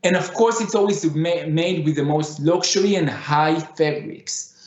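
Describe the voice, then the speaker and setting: A man's voice: fairly high pitch, unhurried. Echoey man with a Middle Eastern accent. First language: not English. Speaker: conference speaker, digital fashion designer. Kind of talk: conference lecture. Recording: echoey room, slightly dull sound.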